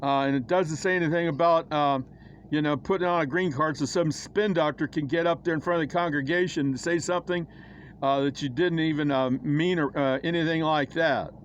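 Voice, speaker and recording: Halting, preachy man with a higher voice. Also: steady tone, lo-fi sound, a little hiss or hum. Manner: halting, many fillers, preachy and wry. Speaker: church critic presenting his own illustrations. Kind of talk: casual screen-share commentary.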